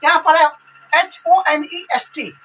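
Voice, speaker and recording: Slow bright-voiced woman teacher. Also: high voice, recorded from a distance, slight background noise, rough recording. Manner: slow, repetitive explaining. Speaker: English grammar teacher. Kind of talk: grammar lesson explanation.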